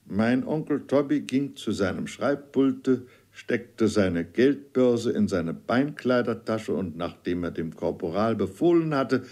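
Measured male audiobook narrator. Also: lowish voice, warm tone. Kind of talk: scripted literary narration.

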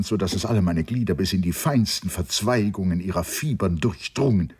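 A man narrating a literary story in an audiobook, reading in an expressive, measured way. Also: on the low side, breathy edge.

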